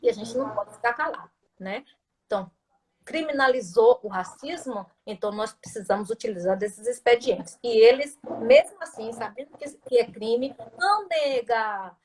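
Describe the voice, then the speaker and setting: Emphatic woman teacher, higher voice. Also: lively intonation, moderate pace, husky. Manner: emphatic, uses rhetorical questions and tag questions. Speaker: teacher interviewed as guest. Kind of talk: conversational explanation.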